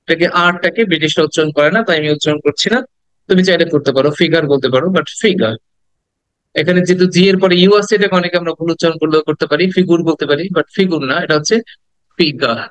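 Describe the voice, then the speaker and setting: A man teaching English pronunciation in an online lesson, repeating each word slowly and carefully between quick explanations. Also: a little high, fairly even intonation, a bit bright, smooth, no room sound, poor audio. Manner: slow careful repetition of model words, quick explaining asides.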